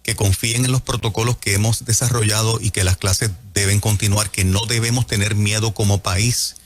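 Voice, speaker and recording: Male radio host, fairly low voice, formal interviewer. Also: steady tone, normal speed. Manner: formal, long questions. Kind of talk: interviewer question.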